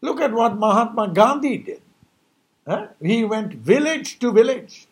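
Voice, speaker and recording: A man's voice: extremely high pitch, very animated, measured pace. A man delivering an impassioned New Year message as a rhetorical monologue, emphatic and preachy, full of rhetorical questions.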